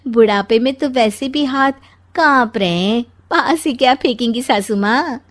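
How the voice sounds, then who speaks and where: A woman's voice: fairly high pitch, unhurried, lightly acted. A woman voicing a cheeky, confident young daughter-in-law in a comic cartoon story, perky and taunting.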